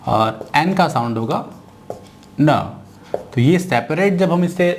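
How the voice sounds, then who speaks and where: A man teaching English letter sounds in a phonics lesson, repeating each sound slowly. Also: a little high. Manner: slow, drawn-out repetition of sounds.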